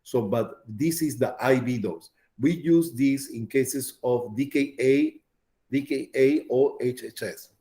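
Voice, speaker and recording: Mellow-voiced man lecturing a class. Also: mid-range voice, unhurried. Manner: repetitive, checks in with students often. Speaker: pharmacology lecturer.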